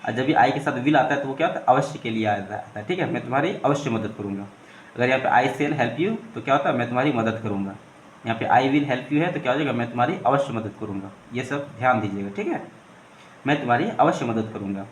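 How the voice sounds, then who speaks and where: A man of middle pitch teaching English, walking through a story phrase by phrase. He often says "ठीक है" and asks questions that he then answers himself. His voice sounds roomy and echoey, with faint ambient noise behind it. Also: lively intonation, quick pace. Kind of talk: explaining an English story line by line in Hindi.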